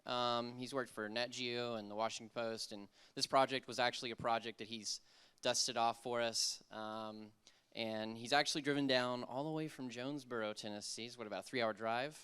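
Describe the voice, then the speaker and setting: Smooth-voiced man introducing a speaker. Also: mid-range voice, normal speed. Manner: relaxed, friendly, a bit hesitant. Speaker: meetup organizer introducing the speaker. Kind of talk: casual introduction.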